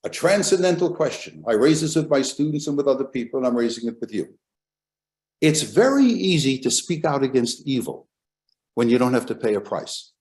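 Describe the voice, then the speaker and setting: Older American male professor, lecture hall delivery, emphatic, pitch swings widely for emphasis. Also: brisk. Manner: animated, emphatic, rhetorical questions. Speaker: history professor. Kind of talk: public history lecture.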